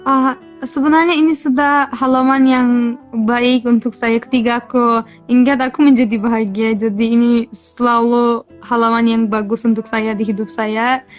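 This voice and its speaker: A woman's voice: fairly high pitch, fairly even intonation, normal speed, faint music behind. A woman from Turkey with a Turkish accent, answering interview questions casually in a foreign learner's simple phrasing. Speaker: interview guest, language learner.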